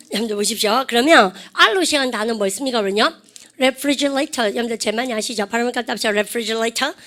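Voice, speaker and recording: A woman teacher leads a classroom English lesson in a slightly high voice. She keeps questioning her students and cueing them to say phrases back, with Korean as her first language. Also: a bit bright. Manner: coaxing, asks many questions and cues the class to repeat.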